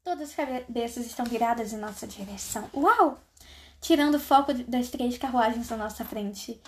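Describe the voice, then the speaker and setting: A young woman with a high voice reads a novel aloud in a relaxed, offhand way. She keeps interrupting herself with dry, slangy sarcastic remarks before picking the story back up. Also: moderate pace. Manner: sarcastic, slangy asides between read passages. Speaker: reader. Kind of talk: casual read-aloud of a novel with asides.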